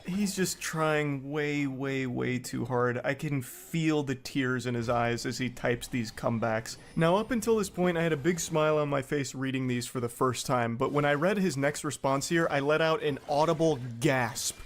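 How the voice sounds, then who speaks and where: A man's voice: mid-range voice, moderate pace, few pauses. A man reading online comment threads aloud and mocking them sarcastically, swearing freely. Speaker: commentary host.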